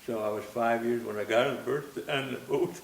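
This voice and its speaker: An Austrian-raised man in his nineties reminisces in an interview, speaking gently and haltingly and often retracing his words. His mid-range voice is deeply gravelly with vocal fry. The room is echoey, with a faint hiss beneath the recording.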